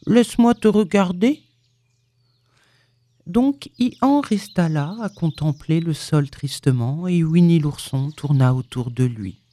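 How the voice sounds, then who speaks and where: A woman reading a children's storybook aloud as narrator, with slow, lilting storytelling. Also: low-pitched, lively intonation, dark tone, no echo.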